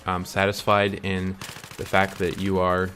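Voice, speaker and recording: A young vlogger talks to the camera in a rambling, casual way, chewing candy as he goes, with plenty of ums and restarts. His low voice stays monotone at a measured pace with a fairly bright tone. It's an earnest, reflective monologue about following his dreams, with soft music in the background.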